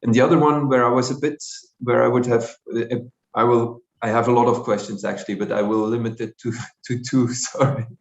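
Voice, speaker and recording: A man speaking as a guest critic over a video call, weighing his words and pausing as he thinks. The call audio is dull and muffled. His voice rings with an echoey room sound. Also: mid-range voice, little pitch movement. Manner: measured, thinks aloud with pauses. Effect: heard over a video call. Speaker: guest critic, structural engineer. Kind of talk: giving feedback on a student project.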